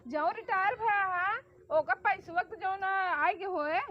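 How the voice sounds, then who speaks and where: A woman's voice: very high voice, unhurried, dull audio, soft background music. A woman with an Awadhi accent playing a daughter-in-law who coaxes her father-in-law for money in a comedy sketch.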